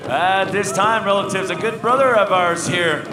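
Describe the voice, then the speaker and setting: A man's voice: sits high, moderate pace, recorded from a distance. A man announcing live over a PA as a powwow emcee, addressing the gathering as relatives. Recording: echoey PA, loud music and crowd. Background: loud music and crowd.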